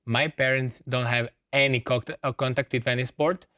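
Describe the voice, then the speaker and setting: A young man from Serbia answers a host's questions in English with a Serbian accent, in a smooth, clear voice. He talks earnestly and pauses often to find his words, sitting as a guest in a television studio. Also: mid-range voice, fairly even intonation, pushed and bright. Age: young adult. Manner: earnest, with many hesitations. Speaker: student athlete guest. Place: TV studio set.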